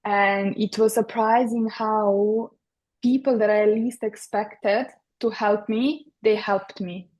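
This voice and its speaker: A woman from Serbia speaks English with a Serbian accent, her pitch held level and even. She talks in a hesitant way, pausing on fillers and restarting her sentences. She sounds like a guest in her thirties on a podcast. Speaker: guest, interior designer. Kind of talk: podcast interview.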